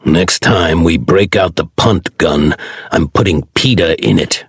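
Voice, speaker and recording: A man's voice: deep voice, unhurried, slightly rough, no room sound, voice pushed down, exaggerated voice. A man doing a grumbling aging soldier. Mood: gruff. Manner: dry, grumbling sarcasm. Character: gruff aging male soldier, wisecracking.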